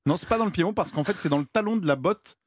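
A man's voice: sits high, lively intonation, racing, no echo, studio quality. A man presenting a playful trivia quiz segment as a radio columnist, delivering his lines with a jokey, theatrical flair.

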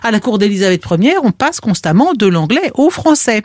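A man telling history anecdotes on a radio talk show, animated and playful. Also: high voice, a little fast, no echo, clean studio sound. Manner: animated storyteller, playful asides. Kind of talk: lively radio chat with anecdotes.

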